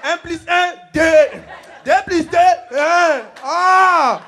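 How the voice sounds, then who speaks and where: A man from the Congo doing loud, joking stand-up comedy on a TV stage, laughing through his lines. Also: very high voice, extremely slow, a little hiss or hum. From Democratic Republic of the Congo. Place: TV studio stage with a live audience.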